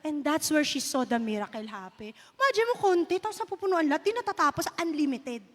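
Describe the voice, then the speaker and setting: A woman's voice: high-pitched, animated, brisk. A woman pastor in her thirties with a Filipino accent, preaching a storytelling sermon and mixing Filipino with English. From Philippines. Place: church sanctuary. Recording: long reverb of a hall.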